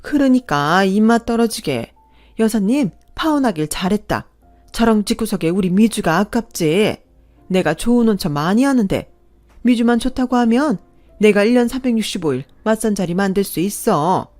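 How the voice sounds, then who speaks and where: A woman's voice: medium pitch, animated, moderate pace, a little mellow, soft background music, natural voice. A woman voicing a wealthy, fiercely protective middle-aged woman who talks indignantly and gives orders. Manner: indignant, commanding.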